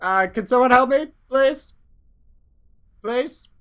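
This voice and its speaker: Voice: sits high, takes it slowly, fairly bright tone, pitched above the performer's own voice. A gamer voicing a small, panicky male astronaut creature in a yelping, frantic voice. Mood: panicked.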